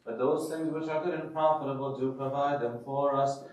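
A clergyman slowly chanting a liturgical thanksgiving prayer, his phrases ending in sung notes, in a church sanctuary. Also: medium pitch, steady tone, darkish tone. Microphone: distant room mic. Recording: very echoey church from far off.

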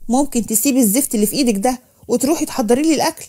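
A woman voices a jealous young husband who expects to be obeyed. He fires out orders at a quick pace. His voice sits fairly high and sounds soft. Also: lightly acted. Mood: bossy. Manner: bossy, commanding.

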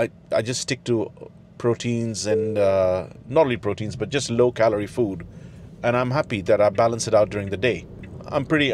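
Middle-aged man talking in a car, halting. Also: on the low side, slight background noise. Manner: halting, many fillers and restarts. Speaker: dad in a family gym vlog. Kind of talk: casual talk to camera. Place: inside a parked car. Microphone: handheld fluffy wireless mic.

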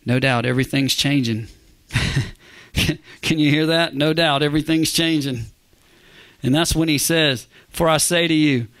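Male pastor, gravelly, slightly high voice, emphatic sermon delivery, hushed whispers for emphasis, dry close sound. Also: no echo. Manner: emphatic preaching, asks the congregation "Amen?", drops to hushed whispers for emphasis. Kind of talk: verse-by-verse sermon.

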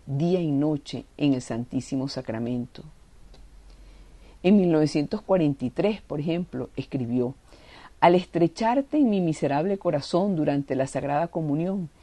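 A woman's voice: low voice, dark tone, dry recording. A woman giving a devotional reading and reflection, fervent and reverent, leaning on prayerful words.

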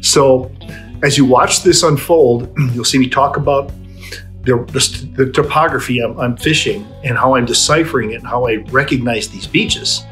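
A man's voice: medium pitch, moderate pace, a bit bright, soft background music. A man in his sixties introducing a fishing segment to a webcam in a small room, conversational with restarts. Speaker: fishing show host. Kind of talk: casual to-camera introduction.

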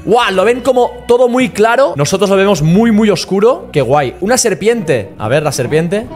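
A young man, reacting to pictures in an animated way, exclaiming and urging viewers to comment. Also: sits high, normal speed. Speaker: short-video creator reacting to images. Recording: music playing faintly behind.

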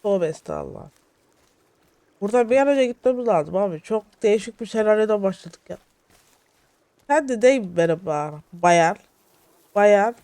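Young male let's-play host, excitable and jittery, bright high register, dry close sound. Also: normal speed, pauses often, clear, resonant tone, no room sound. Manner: excitable, shouting at game companions, jittery. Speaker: gaming YouTuber. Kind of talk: solo let's-play commentary.

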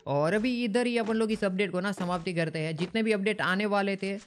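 A man's voice: sits high, a little fast, very noisy. Chatty man hosting a gaming vlog. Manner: chatty, colloquial, keeps rephrasing himself; addresses viewers as brother and guys. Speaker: gaming channel host. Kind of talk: casual gaming update vlog.

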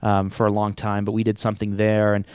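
A man with a lowish voice recorded close and dry, talking through answers in a relaxed way. He keeps circling back and restarting his sentences, laughs easily, and sounds like an agency owner chatting on his own podcast. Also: fast, clean tone, no room sound. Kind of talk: casual conversational interview answers.

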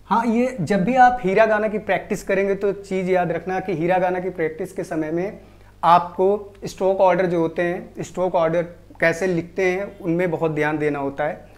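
A woman teaching a language lesson, reading syllables one by one in a slow, deliberate drill on borrowed words. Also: fairly low pitch, steady tone, a little mellow. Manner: slow, deliberate, repeats each syllable clearly. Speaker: Japanese teacher.

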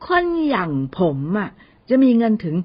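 A woman's voice: a little high, animated, moderate pace, breathy edge, highs cut off. A woman reading an audio novel and voicing a young wealthy male boss who speaks politely and teases his new secretary. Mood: teasing. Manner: polite, playful, mock-offended.

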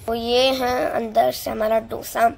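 A teenage girl vlogging casually and excitedly, showing things to her phone camera at home and in a moving car. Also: fairly high pitch, a little slow, gravelly, faint music behind. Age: teens. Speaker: vlogger, elder daughter. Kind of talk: casual vlog chat.

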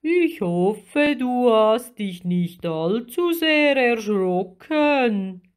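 A woman voicing a huge, friendly male octopus in a storybook reading, with a deep, drawn-out, booming voice. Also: lively intonation. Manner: slow and kindly, easily offended.

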